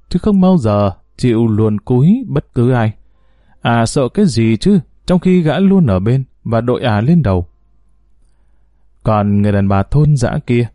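Mellow male storyteller, dry close sound. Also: mid-range voice, dry recording. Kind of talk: scripted narration.

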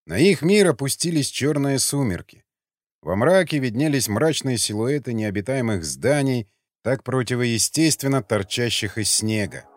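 A man's voice: medium pitch, expressive, moderate pace, no room sound, studio quality. A man narrating an audiobook with dramatic storytelling.

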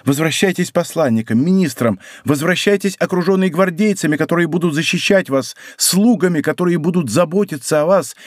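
A man reading an audiobook, voicing an anguished queen who begs her admirer to leave, raising his voice into a pleading, higher tone. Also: fairly quick, hardly any pauses, dry recording, clean studio sound, close to an everyday voice. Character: Queen Anne of Austria, torn and pleading.

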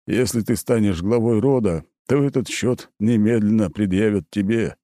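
A man's voice: lowish voice, moderate pace, dark tone, no echo, studio quality, voice pushed up, close to an everyday voice. A man voicing an aging, worried count and academy rector who gives urgent, insistent warnings in an audiobook. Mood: earnest warning. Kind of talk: audiobook character voice.

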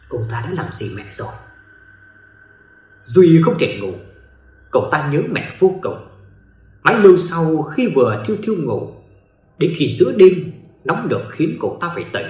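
A man's voice: on the high side, echoey room. A man giving dramatic scripted narration of a ghost story.

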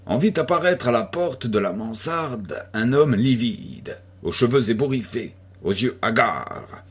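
Slow, husky male audiobook reader. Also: medium pitch. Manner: slow, deliberate reading. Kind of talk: scripted narration of a 19th-century detective novel.

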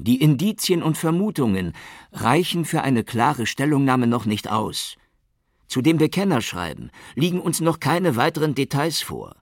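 A defiant police inspector, as a male narrator puts him on, clipped and indignant, lifted well above the narrator's low, husky voice. Dry close sound, with wide swings in pitch. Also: no room sound. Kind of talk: audiobook character voice.

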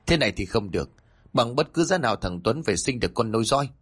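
A man's voice: medium pitch, expressive, fast talker, slightly rough. A man voicing a scheming, scolding old mother-in-law. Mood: indignant. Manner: scolding, grumbling.

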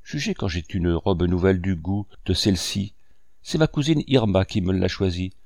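A man's voice: low-pitched, animated, moderate pace, vocal fry, darkish tone, no room sound, clean studio sound, exaggerated voice. A man voicing a vain, fussy young married woman who chatters petulantly about herself in a storybook reading. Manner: petulant, self-absorbed chatter.

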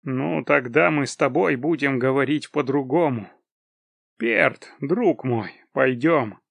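A man's voice: mid-range voice, expressive, takes it slowly, creaky, husky, dry recording, heavily acted. A man voicing a blunt, commanding mercenary leader in an audiobook.

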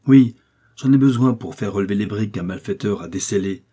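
Guy reading as an angry old-school doctor yelling, low husky voice, pretty worked up. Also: fairly quick. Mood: indignant. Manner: indignant shouting. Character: irate middle-aged male country doctor.

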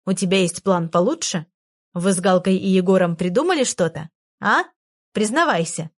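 A woman reading a storybook voicing a tiny girl fairy who is excitable, naive and chatters rapidly. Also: medium pitch, lightly acted. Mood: gleeful. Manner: rapid chattering, easily startled.

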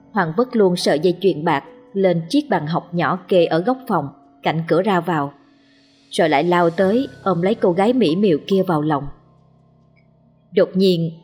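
A woman storyteller reading a horror tale in a steady, dramatic narrating voice. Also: on the low side.

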